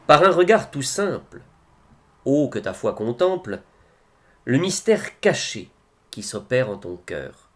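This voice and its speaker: A man's medium-pitched voice recites devotional poems with solemnity, using pauses and measured, expressive phrasing.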